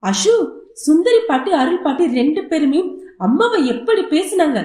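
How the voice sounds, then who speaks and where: A woman's voice: very high-pitched, big pitch swings, normal speed, darkish tone. A woman voicing a sensible older girl who coaxes and reasons with her little brother. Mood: coaxing. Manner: coaxing, reasoning tone. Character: older girl, sensible caring big sister. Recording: roomy echo.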